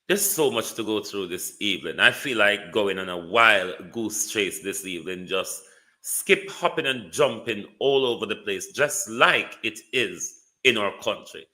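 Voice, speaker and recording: A man with a Jamaican accent hosting a live political talk stream, speaking theatrically, moving between calm and indignant heat. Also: on the low side, a little slow. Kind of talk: live political commentary to viewers.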